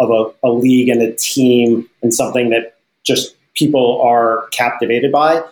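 A man who co-owns a sports team, explaining his ideas at length in a casual interview and often restarting his sentences. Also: medium pitch. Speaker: sports team co-owner and investor. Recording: roomy echo.

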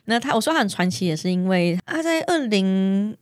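A woman's voice: medium pitch, animated, fairly quick, no room sound, studio quality. A woman from Taiwan with a Taiwanese Mandarin accent, telling stories casually as a podcast guest. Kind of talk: casual interview storytelling.

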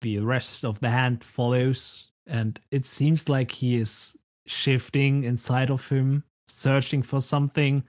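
A man narrating a tabletop game as game master, unhurried and descriptive. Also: mid-range voice, steady tone, a little mellow.

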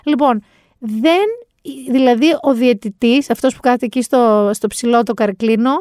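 A woman hosting a podcast, telling stories in a chatty, sarcastic, animated way. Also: a little high, no echo, studio quality. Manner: chatty, sarcastic, animated storytelling with quoted voices. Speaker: podcast host. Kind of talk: casual chat recap.

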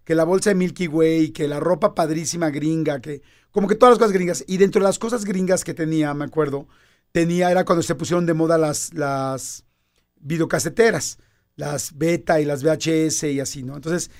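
A Mexican man in his fifties telling a personal story in casual conversation, animated and acting out quoted dialogue. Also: on the high side, fairly quick.

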